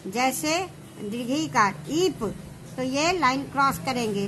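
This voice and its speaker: A woman teaching shorthand, explaining each step slowly and checking whether her students understand. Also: sits high, a bit bright, slight background noise. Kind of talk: slow classroom explanation.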